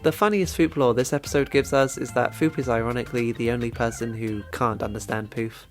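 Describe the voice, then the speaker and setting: A man's voice: medium pitch, fairly quick, over music. A man narrating a scripted video essay about a cartoon, wry and chatty in his commentary.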